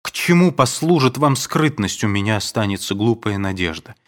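A man reading a novel aloud, voicing a lovesick young man who pleads earnestly and then turns quiet and grim. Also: fairly low pitch, animated, moderate pace, lightly acted. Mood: pleading. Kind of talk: audiobook reading.

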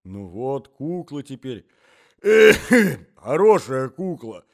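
A man's voice: mid-range voice, very animated, a little slow, voice pushed up. A man voicing a doddering, fussy old husband who talks in a sing-song way and breaks into coughing fits. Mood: fussing. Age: older.

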